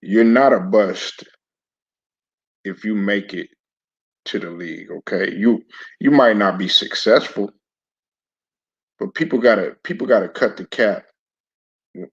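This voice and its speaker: Hoarse from a throat bug, a sports commentary channel host with a low, raspy voice chats slowly and loosely to viewers on a live stream. He's laid-back and stop-start, repeating words, restarting, and clearing his throat. The audio is dull and lo-fi, like a cheap home setup.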